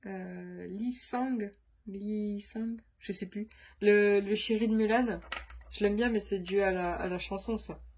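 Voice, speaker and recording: Woman, stuffy nose, nasal, casual vlog chat, rambling, slow talker. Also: mid-range voice, steady tone, darkish tone, slightly rough. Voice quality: chatty, rambling with fillers. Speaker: crafts vlogger.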